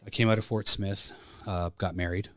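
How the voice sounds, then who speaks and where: Speaking at a normal speed with fairly even intonation and a low voice, this man guests on a studio podcast, chatting and telling stories casually. He's a plain-spoken flight service specialist in his fifties from Alberta with a Canadian accent. No room sound is audible.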